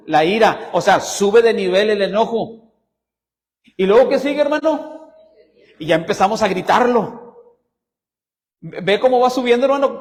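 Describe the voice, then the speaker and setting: In a church sanctuary, a man preaches with a high, spirited voice that leaps upward on the questions he throws to his congregation, his words echoing in a long reverb. His delivery builds with rising emphasis, lively swings of pitch, playful teasing, and plenty of asides to the listeners.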